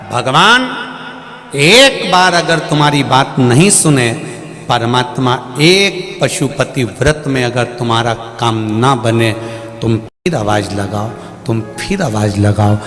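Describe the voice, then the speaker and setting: Animated male preacher, echoing hall. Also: fairly high pitch. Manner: animated, exhorting, folksy humor. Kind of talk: devotional sermon with storytelling. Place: large live religious gathering. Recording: reverberant hall with music.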